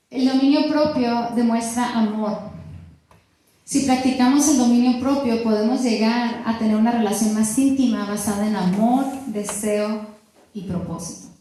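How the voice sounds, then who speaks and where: A middle-aged woman leads a church class on marriage, her voice sitting high for a woman. She talks in a lively, chatty way and acts out snippets of dialogue. The sound rings in a very echoey church hall. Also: slight background noise. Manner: lively and conversational, with laughs and acted-out quotes. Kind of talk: church teaching talk. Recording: very echoey room.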